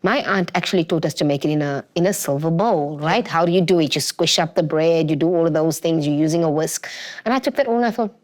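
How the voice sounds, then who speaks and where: Woman, slightly low-pitched, informal interview guest, talkative storyteller who repeats for emphasis. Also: quick pace, darkish tone. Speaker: guest, home cook and content creator. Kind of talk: casual interview chat, animated storytelling.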